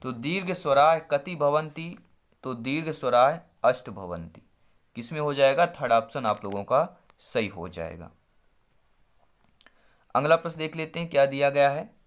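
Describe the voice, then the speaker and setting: A man's voice: medium pitch, lively intonation, normal speed. A man teaching an online exam-prep lesson, working through quiz questions and stretching out syllables as he explains each answer. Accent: Hindi-speaking India. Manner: quizzing, drawing out syllables as he works through answers.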